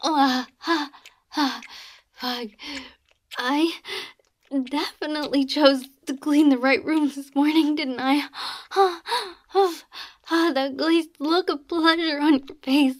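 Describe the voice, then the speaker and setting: A woman voicing a small, crude, domineering goblin maid in an adult audio role-play, taunting and giving orders between breathy gasps. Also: high voice, fairly even intonation, slow. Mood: smug, breathy.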